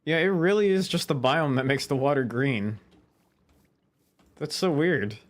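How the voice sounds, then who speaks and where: A man's voice: a little high, measured pace. A man giving casual let's-play commentary, chatty and talking to himself as he plays. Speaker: gaming video creator.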